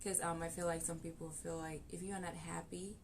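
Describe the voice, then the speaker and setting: Gravelly-voiced woman talk show host. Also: lowish voice, flat delivery, a little fast, crowd noise. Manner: chatty, curious, laughs easily. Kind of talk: casual interview chat.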